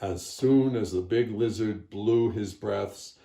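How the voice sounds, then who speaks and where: A man reading a children's story aloud slowly and expressively as storyteller. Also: lowish voice, gravelly. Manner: slow, gentle and expressive. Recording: roomy echo.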